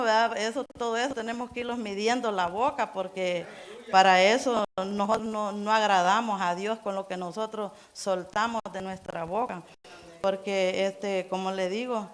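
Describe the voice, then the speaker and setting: A middle-aged woman preaching informally to a congregation, her delivery earnest and halting. She stumbles, restarts phrases and circles back to urge her listeners, her voice sitting at an ordinary middle pitch for a woman. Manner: halting, earnest, many restarts and repeated words; keeps urging listeners to imagine. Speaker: church member preaching. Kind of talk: informal Spanish-language church sermon.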